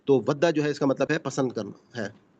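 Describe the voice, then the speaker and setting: A man's voice: mid-range voice, darkish tone. A man teaching a Quran class over a video call, explaining patiently. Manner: patient explaining, frequent "basically" and "yani ke". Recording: muffled video call audio.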